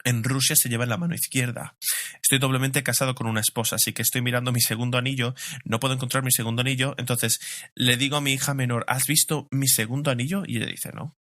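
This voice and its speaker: A man's voice: mid-range voice, little pitch movement, quick pace, pushed and bright. A middle-aged man, a pastor, preaching a sermon in a conversational way, asking rhetorical questions and telling personal stories.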